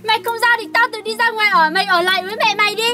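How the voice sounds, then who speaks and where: A woman's voice: very high voice, fairly even intonation, racing, sharp tone, faint music behind. A woman playing a pushy young wife who insists on moving out and argues sharply with her mother-in-law. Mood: sharp arguing. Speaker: daughter-in-law.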